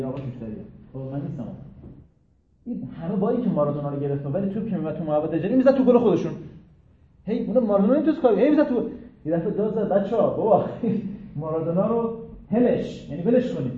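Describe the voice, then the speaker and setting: A man, a cleric, giving an interactive religious lecture to students, telling jokes and stories in an animated way, in a distant, echoey, phone-like recording. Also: a little high, slight background noise. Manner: animated, joking storyteller. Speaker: cleric teaching a religious class.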